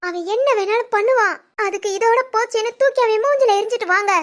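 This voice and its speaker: A woman voicing a worried, scolding middle-aged village mother in an animated family drama, with a Tirunelveli Tamil accent. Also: extremely high pitch, quick pace. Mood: bitter scolding. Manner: bitter, scolding.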